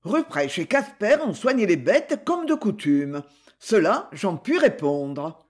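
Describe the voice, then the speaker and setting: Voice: medium pitch, very animated, slow pace. A reader doing a blustering Prussian major. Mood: defensive. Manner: blustering, indignant.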